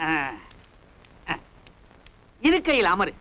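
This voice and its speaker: A pompous professor from a 1991 film comedy, speaking in grand, old-fashioned literary phrases. His voice sits very high and swings widely. He is a man who talks as if every line were a speech. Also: big pitch swings, very slow, pushed and bright, exaggerated voice, poor audio. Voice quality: formal, elaborate literary diction. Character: pompous older male professor speaking formal Tamil. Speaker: professor neighbour.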